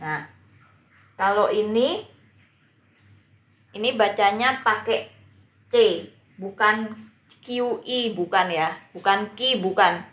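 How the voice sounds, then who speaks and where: Woman, language teacher, patient, repeats words, very slow, roomy echo. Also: medium pitch, a bit bright. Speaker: Mandarin teacher. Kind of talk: live-streamed beginner language lesson.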